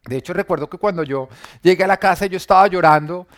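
Talking fast in a high-sitting voice, a man earnestly shares his faith testimony as a church member. He walks through scenes from his story and repeats people's words.

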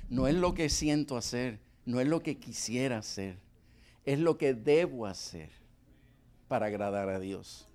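A man's voice: medium pitch, darkish tone, clear, resonant tone. A middle-aged man preaching a sermon, acting out dialogues with God and his wife.

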